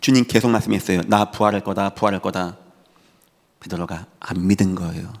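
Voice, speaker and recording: A man's voice: low-pitched, steady tone, fairly quick, darkish tone. Emphatic preaching man in a reverberant sanctuary. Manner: emphatic preaching with repeated phrases and voiced quotes. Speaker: pastor. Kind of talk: sermon. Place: church sanctuary. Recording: long reverb of a church sanctuary.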